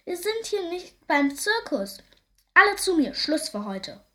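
A woman's voice: very high voice, big pitch swings, a little slow, a bit bright, pitched above the performer's own voice, exaggerated voice. A woman voicing a strict but kindly female angel teacher in a children's story, giving orders to little angels. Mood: commanding. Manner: stern, calling out orders.

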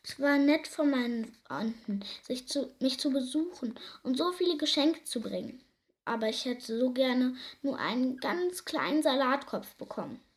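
A kindly storybook tortoise speaks in a soft, courteous way, voiced by a woman reading the tale. Her voice sits somewhat high and lifts on each polite refusal. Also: lively intonation, normal speed. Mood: wistful. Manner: soft and polite, gently declining. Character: gentle, polite female tortoise celebrating her birthday.

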